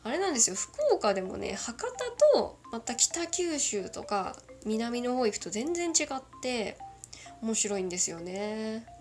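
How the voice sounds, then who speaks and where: A woman's voice: a little high, big pitch swings, unhurried, darkish tone, faint music behind. A woman from Kagoshima with a mixed northern Kyushu accent, rambling through a casual solo chat and giggling often. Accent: northern Kyushu Japanese. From Kagoshima, Japan.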